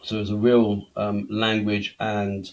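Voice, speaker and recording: A man's voice: on the low side, monotone, measured pace. A middle-aged man from Belgium, telling his life story as a guest in a conversational interview, chatty and self-deprecating. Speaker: podcast guest.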